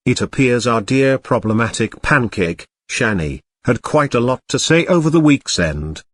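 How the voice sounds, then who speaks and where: A man voicing a robot cat who gives formal, dry, disapproving commentary over clips, with a lively pitch. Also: normal speed, no room sound, lightly acted.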